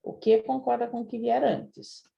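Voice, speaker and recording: A woman's voice: a little high, level tone, moderate pace, gravelly, dull audio. A woman teaching a live online grammar review class, chatting with her students and often checking in with them. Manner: chatty, addresses students directly with frequent "né?". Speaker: Portuguese language teacher.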